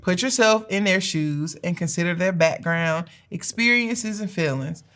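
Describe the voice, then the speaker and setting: A woman co-hosting a relationship podcast with her husband, in calm, measured casual chat with a teasing edge. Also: lowish voice. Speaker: relationship coach, co-host.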